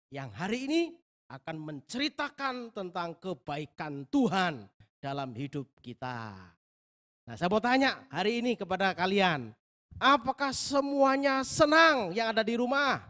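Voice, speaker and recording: A man leading a Sunday school lesson, talking to the children in a lively, coaxing way and telling a Bible story. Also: on the high side. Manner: animated, coaxing, talks straight to the children.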